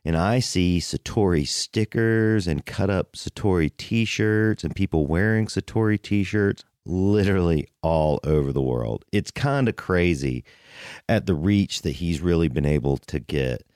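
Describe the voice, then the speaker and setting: Male podcast host, low-pitched, conversational and rambling intro delivery, very dry recording. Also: expressive, measured pace, darkish tone, no echo. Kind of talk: casual podcast introduction monologue.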